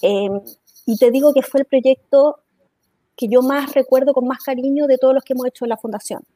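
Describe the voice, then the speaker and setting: A woman's voice: high voice, fairly even intonation, a little fast, dark tone, no echo. Earnest Chilean woman, dry sound. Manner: earnest, impassioned, frequent restarts. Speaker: interview guest. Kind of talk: conversational interview.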